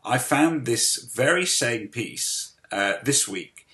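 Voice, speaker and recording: A man hosting a segment and commenting on comedy clips, measured and with frequent filler pauses. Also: medium pitch, lively intonation, bright, forceful tone. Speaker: show host and commentator.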